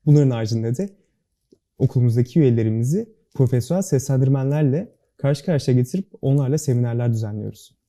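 A young adult man, a student club board member appearing as a guest, rattles off earnest interview answers at a brisk pace in a very dark, mellow voice of medium pitch. His diction is careful and precise, and he stays formal and serious throughout.

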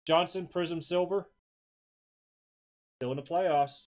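Man, fairly high voice, laid-back rambling talk, sports card seller at his desk. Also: slow. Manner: easygoing, rambling, repeats words. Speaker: sports card seller hosting an auction preview. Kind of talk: casual card showcase narration. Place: home card room, indoors.

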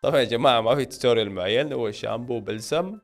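A film and series YouTuber, a Saudi man in his late twenties with a Hejazi accent, speaks very quickly in a mid-range voice. Seated close to a stand microphone in a small indoor home studio, he reads questions from viewers and answers them informally to camera, talking directly to his audience as music plays underneath.

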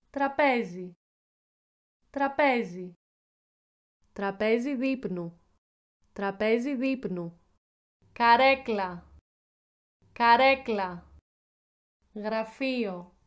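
A woman with an Athens Greek accent reading a scripted vocabulary list, carefully pronouncing each word twice. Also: a little high. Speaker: language teacher.

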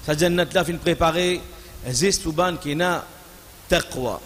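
A man's voice: on the high side, a bit bright, slight background noise. A middle-aged man giving a Friday sermon, stretching out words for emphasis and weaving in Arabic recitation. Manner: slow, drawn-out emphasis mixing Arabic recitation into French. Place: large mosque hall, standing at pulpit. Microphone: stand microphone. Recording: long hall reverb.

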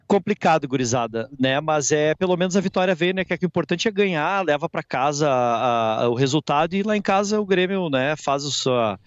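Gaúcho reporter on a dull remote feed. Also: male voice, fairly high pitch, animated, fairly quick, hardly any pauses, dry recording. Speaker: pitchside reporter. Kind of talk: live football post-match talk.

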